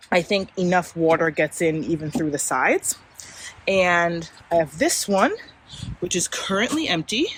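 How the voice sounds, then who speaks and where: A woman's voice: medium pitch, poor audio. Female backyard vlogger, informal and easygoing, talking to viewers outdoors with light ambient noise behind. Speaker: gardening vlogger. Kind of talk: casual chatty backyard vlog. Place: outdoors in a suburban backyard and side yard.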